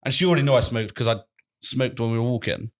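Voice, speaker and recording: A man's voice: medium pitch, fast. Young man telling a rambling story. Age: 20s. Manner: rambling, swears a lot, laughs through the story. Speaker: podcast co-host. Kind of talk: casual storytelling chat.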